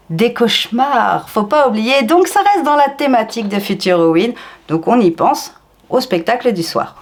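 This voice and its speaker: Chatty woman vlogging, higher voice that swoops up and down a lot. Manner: chatty, enthusiastic, with fillers and swings in pitch. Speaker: theme park vlogger. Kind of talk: casual vlog narration.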